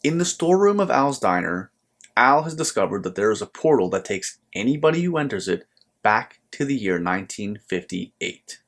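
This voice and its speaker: Hosting his channel, an American man delivers a scripted book review with earnest, measured and emphatic phrasing. His voice is on the low side, somewhat bright and sing-song.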